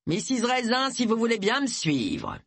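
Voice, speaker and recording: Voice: mid-range voice, huge pitch swings, normal speed, fairly bright tone, breathy edge, dry recording, voice pushed up, exaggerated voice. A narrator voicing a stern male police inspector who gives curt, commanding orders. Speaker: detective chief inspector.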